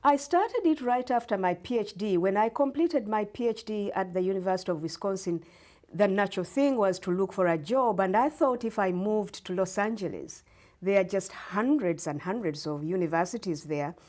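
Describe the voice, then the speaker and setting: Measured Ugandan-born woman professor. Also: medium pitch, darkish tone. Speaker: guest storyteller and English professor. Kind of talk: interview answers.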